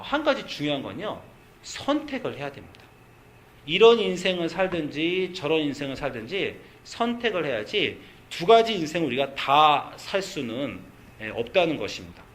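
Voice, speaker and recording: A pastor in his forties delivers a sermon in a church, talking conversationally and acting out family arguments. His voice sits somewhat high and swings widely in pitch. The delivery is animated and lively. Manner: conversational, animated preaching with quoted dialogue. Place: church sanctuary.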